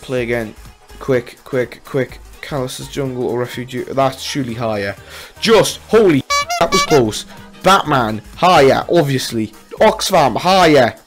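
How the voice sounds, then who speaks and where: Speaking a little slowly in a mid-range voice, this young video host runs a casual gaming challenge full of exclamations and self-mockery. He sits close to a studio condenser mic with a pop filter in a small home room, with faint music behind.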